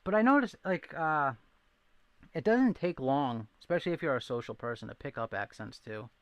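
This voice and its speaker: A man's voice: medium pitch, animated, moderate pace, fairly bright tone, dry recording. A man hosting a casual live stream, rambling and chatting with viewers and answering their comments. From southeastern Massachusetts. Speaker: livestream host.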